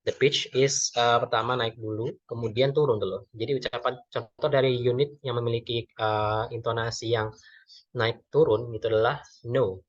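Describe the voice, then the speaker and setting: A man's voice: medium pitch, steady tone, moderate pace. A young man with an Indonesian accent presents to his class. He hesitates and restarts his words often. The audio is dull and lo-fi, with no room echo at all. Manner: hesitant, many fillers and self-corrections. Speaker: student presenter. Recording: dull lo-fi dry recording.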